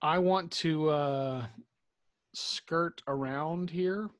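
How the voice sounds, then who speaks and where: A man's voice: on the high side, drawn-out words, no room sound. Chatty man playing a tabletop game. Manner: chatty, joking, thinks aloud. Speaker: player. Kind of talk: casual tabletop play.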